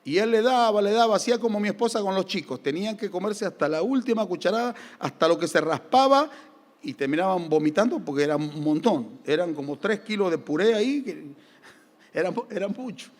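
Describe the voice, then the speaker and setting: High-voiced Argentine pastor preaching emphatically. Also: male voice, brisk, in a large hall. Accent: Argentine Spanish. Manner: emphatic, lively preaching with humorous anecdotes. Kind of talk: sermon. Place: church.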